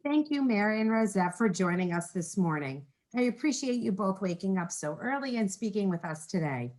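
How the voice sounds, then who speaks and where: A woman's voice: mid-range voice, expressive, normal speed, darkish tone, poor audio. Woman as moderator of an online talk; polite, organized, keeps things on track. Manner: polite and organized, guiding the speakers. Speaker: program moderator. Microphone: video call.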